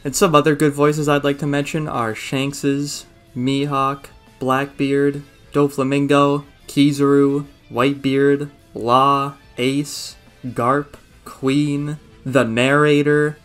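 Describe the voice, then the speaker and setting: A man's voice: mid-range voice, little pitch movement, takes it slowly, a bit bright, faint music behind. A young man narrating a scripted video essay, opinionated and enthusiastic. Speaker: video reviewer.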